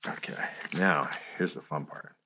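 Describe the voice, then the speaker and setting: Playful low-voiced man demonstrating a craft. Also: measured pace, slight background noise. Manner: playful, chatty, talks to the viewer while working. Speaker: crafts tutorial host.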